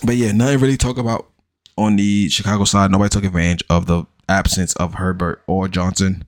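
A man with a very low, deep voice hosts a fantasy football show in loose, profane chat. He reels off numbers quickly and bluntly dismisses players as bums. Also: little pitch movement. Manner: blunt, profane, rattles off stats, mocking hype. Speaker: fantasy football podcast host. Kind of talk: casual profane sports chat.

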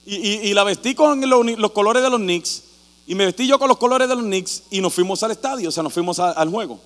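High-voiced man preaching in a reverberant hall. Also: a little fast. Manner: animated storytelling, acts out shouting crowds. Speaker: pastor. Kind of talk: sermon. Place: church hall. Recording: reverberant hall with mains hum.

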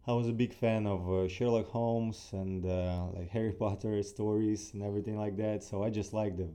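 Low, dark-voiced man with Ukrainian accent. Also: flat delivery, moderate pace. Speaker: interview guest, athlete. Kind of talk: casual conversational interview answers.

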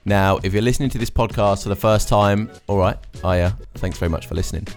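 A man's voice: fairly low pitch, fast, faint music behind. A man hosting a podcast, moving between scripted intro and casual interview. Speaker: podcast host.

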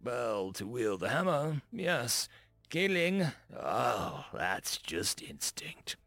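Brief: composed human ambassador, measured and dignified, as a male narrator puts him on; gravelly voice, dry close sound. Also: medium pitch, no echo, heavily acted. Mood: calm dignified. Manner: calm, measured, slow.

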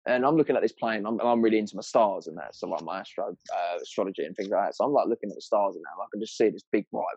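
A man's voice: on the low side, very fast, darkish tone, husky, dry recording, muffled recording. A man with a southern English accent telling anecdotes in casual, sweary, slangy chat, rambling along in a matey way.

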